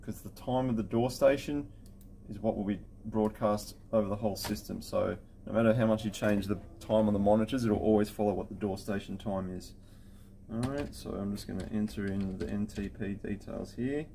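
A middle-aged intercom installer walks through a software setup at his office desk in a casual, practical, matter-of-fact way. His lowish, dark, relaxed voice moves at a normal speed with some vocal fry, over light background noise.

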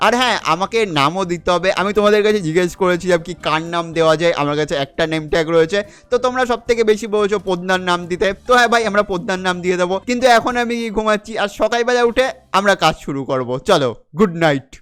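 A man's voice: high voice, fast talker, few pauses, a bit bright, smooth. A young man chatting casually to his viewers while he plays a survival game, calling them brother all the time and mixing English words into his talk. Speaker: gaming channel host. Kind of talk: casual gameplay commentary.

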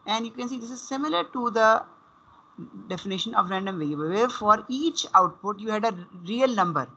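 A man's voice: sits high, expressive, a little fast, pushed and bright. A man with a Pakistani accent explaining as a university lecturer in an online class, repeating and rephrasing as he goes. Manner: repeats and rephrases, switches between English and Urdu. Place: online class over a computer connection. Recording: dull, compressed online call audio.

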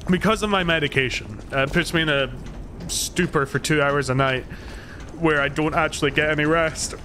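At a normal speed and with a sharp tone, a Scottish man talks to his livestream chat while he plays a game. His voice is a little high, and his chatter is rambling and self-deprecating. There's noticeable noise in the background.

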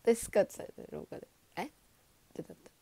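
A young woman in her twenties hosting a casual livestream, chatting with viewers, laughing often and breaking into loud excited bursts. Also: quick pace, noisy background. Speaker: idol livestream host. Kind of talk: casual livestream chat reading comments.

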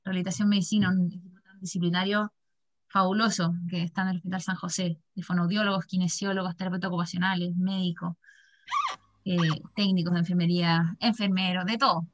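A woman in her thirties with a Chilean accent, moderating a video-call workshop, chatty and lively as she reads out comments. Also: lowish voice, fast talker. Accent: Chilean Spanish. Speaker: session moderator. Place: small bright office indoors. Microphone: laptop webcam mic on a video call.

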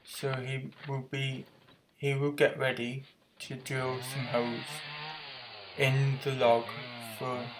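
A man's voice: medium pitch, monotone, takes it slowly, noisy background. A man filming and casually explaining what is happening in a farm yard outdoors. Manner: plain explaining commentary. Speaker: person filming. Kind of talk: casual narration while filming. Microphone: handheld camera.

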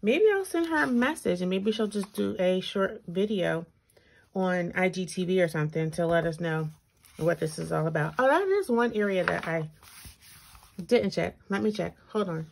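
Her voice is fairly low, gravelly and animated, moving at a moderate pace. This planner reviewer and video host has braces that slightly affect her speech while she gives a chatty, casual walkthrough, reading items aloud and thinking out loud. Filmed indoors from overhead with just her hands on a tabletop, the recording carries noticeable background noise and clicks.

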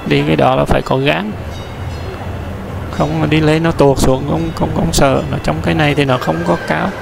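A man's voice: a little high, steady tone, normal speed, gravelly, background noise. A man giving casual walking-tour commentary through a large indoor amusement park, chatty, talking straight to his viewers with many fillers and restarts.

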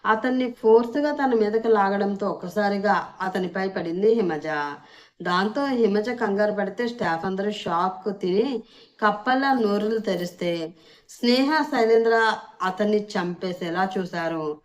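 A woman's voice: mid-range voice, a little slow. Woman narrating a serial story.

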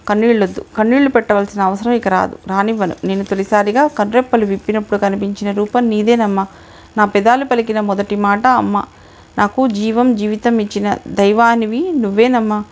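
A woman's voice: medium pitch, steady tone, normal speed, lightly acted. A woman voicing a young male dancer who speaks to his mother with earnest resolve in an audiobook reading. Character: determined young male dancer, loving son.

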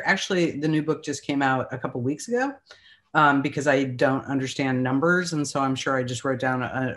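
A woman poet reading her poems aloud at an online event, with halting, self-deprecating asides between them. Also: sits low. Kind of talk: poetry reading with chatty asides. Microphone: online video call.

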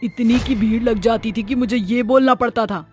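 A woman doing a shrill cackling cartoon witch. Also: normal speed, a little mellow, soft background music, close to an everyday voice. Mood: recounting. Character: vengeful shrieking female witch, cackling and threatening. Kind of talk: Hindi cartoon voice acting.

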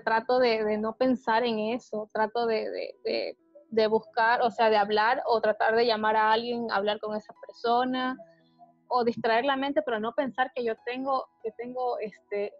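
A woman giving a personal testimony in a conversation, speaking hesitantly with many pauses and restarts. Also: on the high side, dry recording, muffled recording. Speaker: interviewee describing her panic attacks.

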